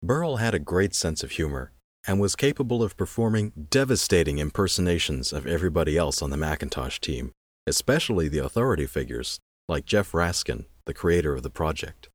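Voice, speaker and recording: A man with a very low, deep voice reads a written anecdote in a measured, even storytelling manner. The recording is close and dry, with no room sound. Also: dry recording. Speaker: reader. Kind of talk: scripted narration of an anecdote.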